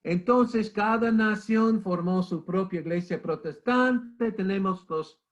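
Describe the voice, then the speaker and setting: Sick with the flu and coughing, a middle-aged man gives an emphatic church history lecture, repeating key points and calling his listeners brother. His voice is high-pitched and slow. The recording is muffled and lo-fi.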